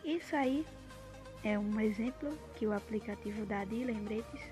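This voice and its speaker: With clear background music running, a Brazilian tutorial host gives an off-the-cuff app demo. Her fairly high voice moves at normal speed.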